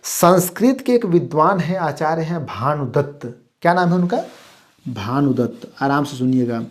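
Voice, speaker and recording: A man from India teaching an exam-prep lesson, who keeps asking whether the class follows and reads lists of terms slowly and clearly. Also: fairly high pitch. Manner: repeats "ठीक ना?" to check the class, stresses each term. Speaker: Hindi teacher.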